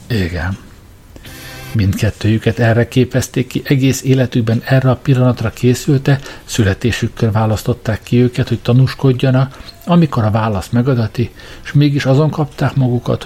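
A man narrating an audiobook in a measured, even way. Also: mid-range voice, husky.

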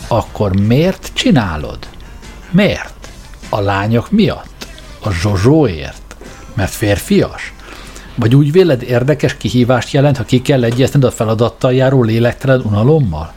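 A man voicing a glib, persuasive male alien traveler who coaxes and argues, with soft music behind. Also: mid-range voice, hardly any pauses, close to an everyday voice. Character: glib, fast-talking male alien hitchhiker.

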